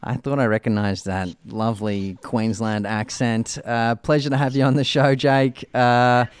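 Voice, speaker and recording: Clear-voiced man hosting, halting and meandering. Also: medium pitch, steady tone, no echo. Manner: halting, meandering phrasing with repeated words. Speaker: radio show host. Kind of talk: casual music interview.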